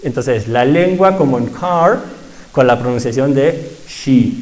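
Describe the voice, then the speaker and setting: A man leading a pronunciation workshop, patiently explaining sounds and repeating them slowly for his class. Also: mid-range voice, animated, a little mellow, rough recording. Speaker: language teacher.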